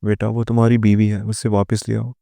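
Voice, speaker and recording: A man voicing a quiet, patient and pious older mother-in-law in a spoken moral story, his voice low and dark. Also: completely flat delivery, creaky, no echo, studio quality. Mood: calm.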